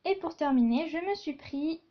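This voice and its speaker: Chatty woman with a higher voice. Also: lively intonation, moderate pace, muffled recording. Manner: chatty, many fillers and asides. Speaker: beauty vlogger. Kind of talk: casual haul video chat.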